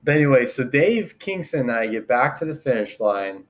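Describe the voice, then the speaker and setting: A man's voice: medium pitch, a little fast. A man co-hosting a podcast, telling a story in casual chat and acting out what people said. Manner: animated storytelling, acting out quotes. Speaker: podcast co-host.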